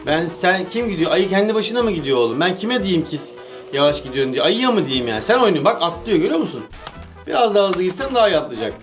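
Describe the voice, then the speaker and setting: A man with a fairly high voice runs a gameplay session, firing off eager coaching and rapid cheers. He laughs a lot and keeps the tone playful. Loud game music plays behind him the whole time. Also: very animated. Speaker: gaming channel host. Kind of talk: casual gameplay commentary.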